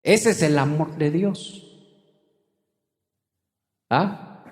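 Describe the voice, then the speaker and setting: A male pastor with a high voice preaches to his congregation, rising often to loud, emphatic calls and then dropping low. The sound rings through a church hall with a long, lingering reverb. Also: very slow. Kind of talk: sermon.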